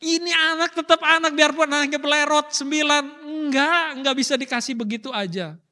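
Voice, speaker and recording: A middle-aged male pastor preaches in a strikingly high, bright voice. He keeps the sermon moving with rhetorical questions and short acted-out asides. His delivery is lively and conversational. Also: big-room sound.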